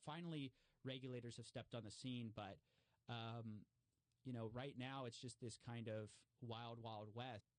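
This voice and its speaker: A man speaking casually as an interview guest, talking at a mid pitch with loose phrasing and plenty of "like" and "you know." He gets lively whenever he quotes other people. The sound is dry and close, with no room echo. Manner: animated, acts out quoted remarks with raised pitch; many fillers and restarts. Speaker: guest commentator on fraud stories.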